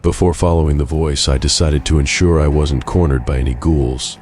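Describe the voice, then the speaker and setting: A man narrating a game playthrough as a first-person story in a measured, even way. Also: rumbling low, a little hiss or hum.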